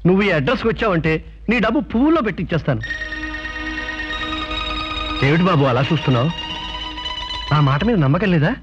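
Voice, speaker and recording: An actor playing a pompous, sweet-talking male swindler who gives grand, drawn-out pleas. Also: fairly high pitch, very animated. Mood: melodramatic. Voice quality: grandly theatrical, drawn-out pleading speech. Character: pompous sweet-talking male con man, middle-aged. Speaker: smooth-talking swindler who hands out bad checks. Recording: muffled film soundtrack with loud music.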